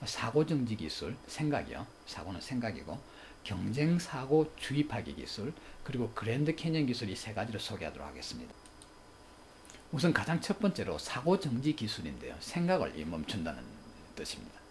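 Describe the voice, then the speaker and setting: A man's voice: fairly low pitch, huge pitch swings, brisk, a little hiss or hum. A middle-aged man giving a recorded lecture on parenting skills, acting out quoted family exchanges.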